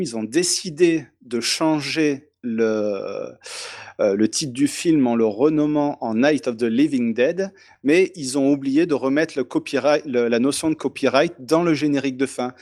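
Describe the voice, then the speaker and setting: A man, a podcast guest, calmly explaining background in casual chat. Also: mid-range voice. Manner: explanatory, storytelling tone.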